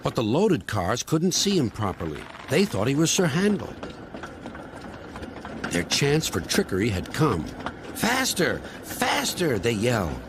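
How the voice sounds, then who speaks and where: A man narrating a children's train story and acting out the characters' shouts. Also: mid-range voice, unhurried, noisy background. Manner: very animated, acts out the characters' cries. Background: music.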